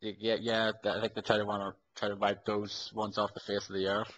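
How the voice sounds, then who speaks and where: A man in his late twenties chats casually on a podcast in a lowish voice. He rambles through fillers and restarts and swears now and then. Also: monotone, a little fast, a bit bright, dull audio. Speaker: podcast co-host. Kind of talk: casual chat.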